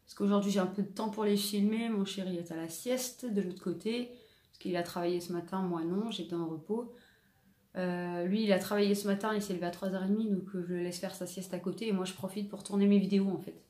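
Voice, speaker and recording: A woman's voice: medium pitch, steady tone, a little fast, dark tone. A woman vlogger chatting casually through a product haul, rambling and padding her talk with fillers. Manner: rambling, lots of "euh" and "donc" fillers. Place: room at home. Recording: echoey room with faint noise.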